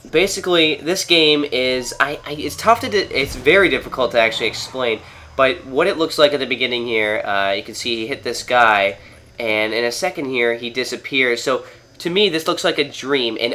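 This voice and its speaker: This is casual gameplay commentary from a Canadian gaming host at home on his TV, his voice nasal from a cold. He sounds mid-range, pushed, and bright, and he rambles along with plenty of fillers and false starts.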